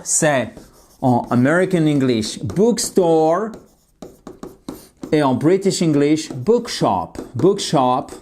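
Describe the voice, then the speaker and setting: A man teaching English vocabulary in a video lesson, deliberately repeating each example sentence. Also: a little high, darkish tone. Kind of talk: video lesson for French speakers.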